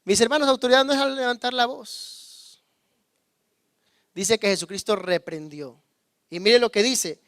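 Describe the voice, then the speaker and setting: Man, pastor, high voice, dry close sound, loud and hushed by turns. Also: measured pace, pauses often, no room sound. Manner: calls on the congregation to repeat words; swings between loud emphasis and hushed low asides. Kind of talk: sermon.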